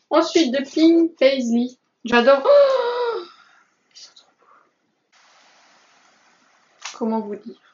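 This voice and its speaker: A woman's voice: on the high side, a little mellow, muffled recording. A woman vlogger chatting casually through a craft haul, enthusiastic and gushing, with many hesitations and little asides. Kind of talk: casual chatty vlog talk.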